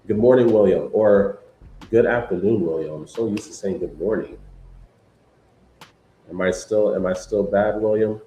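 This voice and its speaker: Laid-back deep-voiced New man. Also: normal speed, long pauses, roomy sound, a little hiss or hum, rough recording. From New York. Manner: relaxed, rambling, many fillers, keeps saying "guys". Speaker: livestream host. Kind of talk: casual livestream chat.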